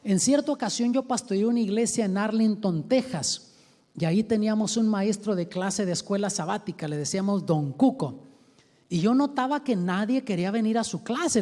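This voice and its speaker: A man's voice: high voice, big-room sound. A man, a pastor, teaching a seminar and animatedly asking the audience questions. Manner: animated, acts out quoted voices, asks the audience questions.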